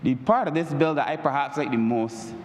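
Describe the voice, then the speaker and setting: A Barbadian-accented member of parliament gives an emphatic, oratorical speech, speaking a little fast and repeating "Mister Speaker, sir" as a refrain, his pitch rising on key points. The large chamber is echoey with long reverb, and there's slight background noise.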